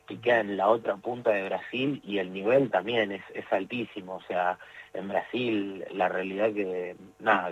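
Young man, Argentine accent, lowish voice, hesitant fillers, dull lo-fi radio sound. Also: breathy edge. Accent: Argentine Spanish. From Tierra del Fuego, Argentina. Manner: hesitant, many fillers and restarts. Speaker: jiu-jitsu competitor. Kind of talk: interview answers.

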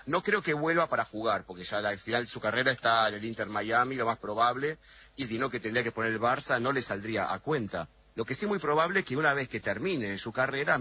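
A middle-aged man explains things at length, hesitating now and then as he works through his point. His voice is husky, with a bright, forward edge. The sound comes through a dull, lo-fi remote line. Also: medium pitch. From Argentina. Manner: thoughtful, explanatory, frequent hesitations. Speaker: interview guest. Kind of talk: radio interview over a remote line.

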